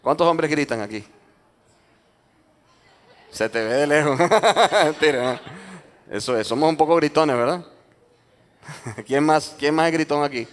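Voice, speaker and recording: A man's voice: on the high side, a little slow, long pauses. A man, a pastor preaching a sermon in church, joking with and teasing his congregation. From Venezuela.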